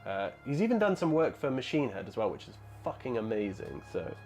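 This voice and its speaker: Man, thirties, casual live-stream chat, rambling, mid-pitched, faint music underneath. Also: big pitch swings, fairly quick, a little mellow. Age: 30s. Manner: chatty, rambling, answers chat messages. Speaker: hobby streamer.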